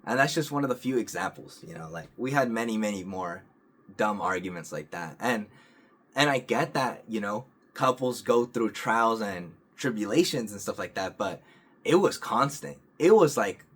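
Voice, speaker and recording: Low-voiced young man rambling calmly. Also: normal speed. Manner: rambling, many restarts and fillers; calm, earnest. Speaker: vlogger. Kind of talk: casual storytelling to camera.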